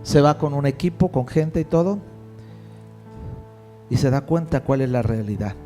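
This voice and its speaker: A male pastor preaching a sermon in a lively, conversational way, with jokes and rhetorical questions. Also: mid-range voice, normal speed, faint music behind.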